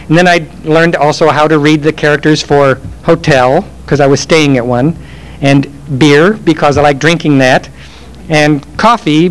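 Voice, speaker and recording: A man's voice: on the high side, poor audio. Chatty man telling stories on stage. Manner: rambling, chatty, self-deprecating humor. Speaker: game industry speaker. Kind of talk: live Q&A storytelling.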